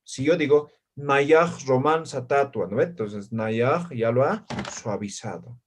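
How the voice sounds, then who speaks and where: A man's voice: mid-range voice, animated, unhurried, slight background noise. A man teaching an online language class who explains patiently and keeps checking that his students follow.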